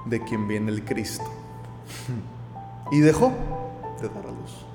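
Preacher in an echoey hall. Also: male voice, medium pitch, slow pace, over music. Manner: animated, checks in with listeners by asking "right?". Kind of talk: sermon. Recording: echoey hall with long reverb.

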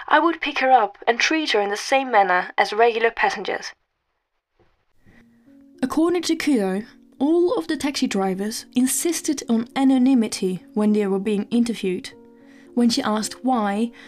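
A woman hosting a storytelling podcast, earnest and hesitant, with many fillers and restarts. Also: a little high. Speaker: podcast host.

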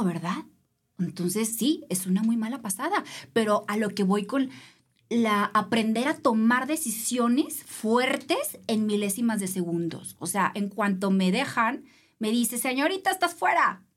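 Mexican woman guest, higher voice, animated storyteller who mimics the people in her story. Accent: Mexican Spanish. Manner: animated, acts out voices of others. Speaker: guest, triathlete. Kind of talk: casual interview storytelling.

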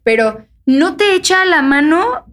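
A woman's voice: high-pitched, lively intonation, unhurried, a bit bright. A young woman with a Mexican accent, chatting casually as a podcast host and acting out what others said. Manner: chatty, acts out quoted voices. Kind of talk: casual chat.

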